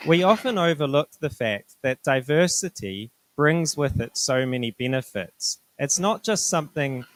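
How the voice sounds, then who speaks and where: This middle-aged university director from New Zealand speaks with a New Zealand accent, informing students in a polite, measured, explanatory presentation. His voice is a little high with lively intonation, and the low-quality recording has slight background noise.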